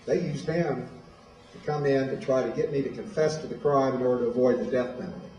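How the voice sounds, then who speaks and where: A man's voice: medium pitch, fairly even intonation, fast talker, warm tone, highs cut off. A man, telling his own story in plain, direct words as a guest speaker at a school. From Illinois, USA. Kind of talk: personal testimony speech. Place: high school hall. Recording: echoey hall, voice from far off.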